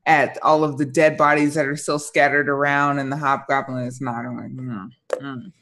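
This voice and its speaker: A young woman narrating an improvised tabletop game as dungeon master, conversational and halting, on a headset call. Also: low voice, little pitch movement, fairly bright tone. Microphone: headset on a video call.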